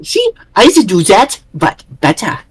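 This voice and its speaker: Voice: medium pitch, wildly swooping pitch, normal speed, breathy edge, dry recording. A player voicing a nervous, overly polite gnome doctor who stammers and fawns. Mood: pleading. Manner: fawning and stammering.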